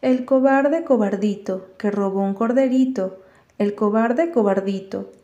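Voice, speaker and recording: A woman voicing a rough schoolboy bully who taunts in a singsong. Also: mid-range voice, measured pace, warm tone, lightly acted. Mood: taunting.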